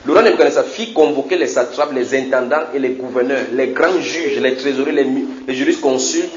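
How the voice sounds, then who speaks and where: Man, preacher, sermon teaching, animated, repeats himself, questions the congregation, roomy church echo. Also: medium pitch, a little fast, muffled recording, a crowd in the background.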